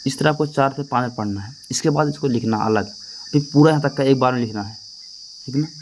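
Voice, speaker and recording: A man's voice: medium pitch, quick pace, darkish tone, slight background noise, rough recording. Patient male teacher chanting tables. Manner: patient and repetitive, chants times tables in a sing-song rhythm; keeps checking in with the listener. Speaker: math teacher. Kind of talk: classroom-style tutorial.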